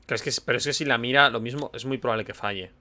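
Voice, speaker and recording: A man's voice: mid-range voice, very fast, sharp tone, slight background noise. A young man with a Spanish accent from Spain, commenting on his own gameplay in an exasperated way, exclaiming and cursing at the game. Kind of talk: let's play commentary.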